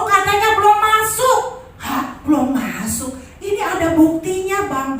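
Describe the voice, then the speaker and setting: Woman, 60s, animated church testimony, distant mic, very reverberant hall. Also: slight background noise. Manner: animated storytelling, acts out dialogue in a higher voice. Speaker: church member giving testimony. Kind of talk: testimony at a worship service. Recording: very echoey hall, voice from far off.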